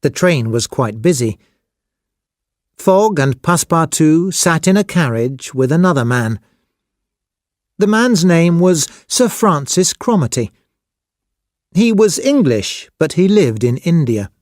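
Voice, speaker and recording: Guy reading a kids storybook, slow and super lively, dry close sound. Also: on the high side, no room sound. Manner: slow, expressive, clearly spoken. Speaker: narrator. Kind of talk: scripted storybook narration for children.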